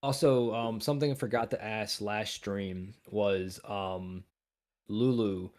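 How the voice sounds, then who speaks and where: A man's voice: lowish voice, fairly even intonation, slow, a little mellow. A man co-hosting a casual livestream review, rambling and heavy on filler words. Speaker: co-host.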